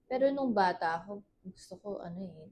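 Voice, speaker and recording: A woman, co-hosting a podcast in relaxed casual chat with short agreeing replies. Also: mid-range voice, fairly quick. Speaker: podcast co-host.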